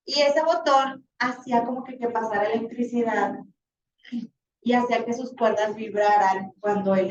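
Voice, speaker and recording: A woman teacher, slightly hoarse, lecturing a class in a chatty, animated way with many fillers. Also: on the high side, a little hiss or hum. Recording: roomy, distant, dull classroom recording.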